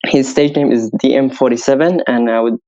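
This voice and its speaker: A hesitant young Syrian man whose first language is Arabic answers casual interview questions as a guest music producer. Tired from staying up all night, he restarts and searches for words, speaking briskly in a mid-range, dark-toned voice with fairly even intonation. The sound is lo-fi.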